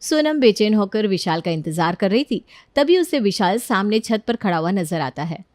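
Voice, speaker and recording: A woman narrating a cartoon story in calm, scripted storytelling. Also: mid-range voice, normal speed, no room sound, clean studio sound.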